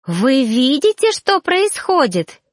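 A woman's voice: sits high, sing-song, slow, dry recording, clean studio sound, voice pushed up, exaggerated voice. A woman voicing a jealous, hysterical young noblewoman who shrieks and squeals.

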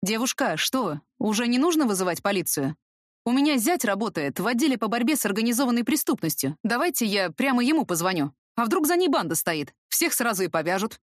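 A woman's voice: fairly high pitch, big pitch swings, fairly quick, no echo, studio quality. Brief: helpful talkative passer-by man voiced by a woman reader, plain storybook voice. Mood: eager.

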